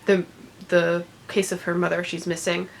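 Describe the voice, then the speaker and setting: Congested and on the mend from illness, a female book vlogger chats loosely about books she has read, with many ums and little laughs in this unedited talk. Her lowish voice is creaky and completely flat, at a normal speed, on a rough recording.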